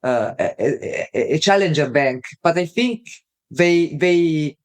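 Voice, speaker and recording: A woman's voice: low voice, animated, slow pace. A woman with an Italian accent, a guest on a podcast interview, speaking hesitantly with frequent fillers. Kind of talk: casual interview.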